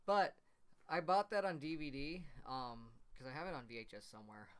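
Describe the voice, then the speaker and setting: A man co-hosting a horror livestream in casual chat, relaxed and agreeable, who laughs often. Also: fairly high pitch, a little fast, clear, resonant tone.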